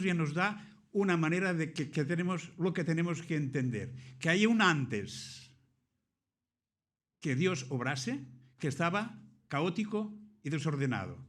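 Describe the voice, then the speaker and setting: Preaching man, slightly high voice. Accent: Spanish from Catalonia. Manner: reads scripture then preaches with dramatic pauses and rhetorical questions. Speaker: pastor. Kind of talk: sermon.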